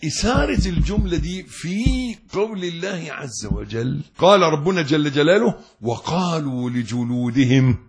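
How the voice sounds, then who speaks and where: An Egyptian man preaching a religious lesson, his voice husky and slightly rough. His pitch swings widely as he talks. He speaks straight to the listener with fervor, moving between soft recitation and loud exhortation. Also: animated, moderate pace, few pauses. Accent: Egyptian Arabic. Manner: impassioned, addresses the listener directly.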